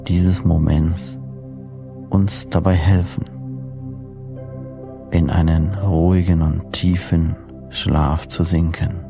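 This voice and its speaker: A man narrating a sleep story as guided meditation, soothing and deliberate, with measured phrases and pauses. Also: deep voice, gravelly. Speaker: host and hypnosis coach narrating sleep meditations. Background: new-age music.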